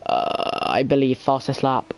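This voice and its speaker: A man giving casual lead commentary on an online racing league, sometimes halting as he thinks aloud between calls. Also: medium pitch, lively intonation, vocal fry. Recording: faint background noise.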